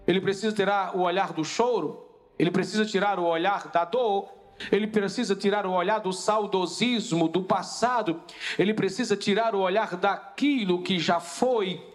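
Man, pastor, sermon, very high voice, repetitive preaching cadence, faint music behind.

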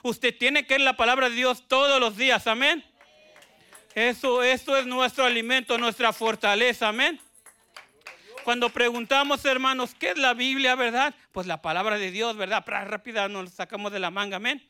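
A man preaching in a church, shouting praise and dropping hallelujahs between phrases, then joking with the congregation and having them repeat lines. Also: very high-pitched, steady tone, normal speed, smooth. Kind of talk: Pentecostal sermon with call-and-response. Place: church sanctuary.

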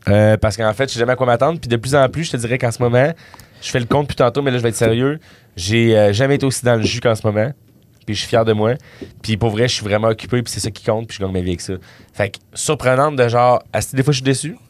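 A man's voice: medium pitch, fast talker. A man from Quebec City with a Quebec French accent, a comedian guest joking in casual podcast chat and mixing in English phrases. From Quebec City, Canada. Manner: joking, self-deprecating, sprinkles English phrases.

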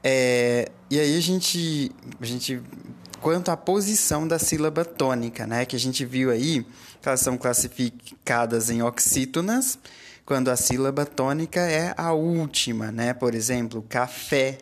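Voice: medium pitch, measured pace. Patient Brazilian teacher explaining grammar. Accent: Brazilian Portuguese. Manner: patient, explanatory, checks in often with the listener. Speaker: Portuguese language teacher. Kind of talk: recorded grammar lesson.

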